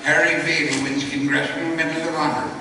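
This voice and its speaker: A forgetful old uncle rattles on in a high, flustered voice, played by a man. He rambles through his lines in a live radio play. The sound is heard from afar in a long, echoing hall with some noise. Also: little pitch movement, a little fast, natural voice. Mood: jovial. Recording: echoey hall from far off.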